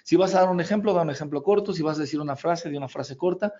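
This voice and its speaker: A man's voice: fairly high pitch, racing, mellow. A middle-aged man with a Mexican accent, giving a folksy, joking motivational coaching talk to network marketing teams. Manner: folksy and joking, calls the listener compadre. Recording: dull lo-fi recording.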